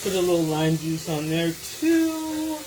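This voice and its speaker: Chatty, slow-talking woman cooking. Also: on the low side, very animated, background noise. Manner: chatty, rambling, talks to viewers. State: tired and loopy. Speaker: small business owner. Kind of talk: casual cooking vlog. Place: home kitchen. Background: sizzling pan and music.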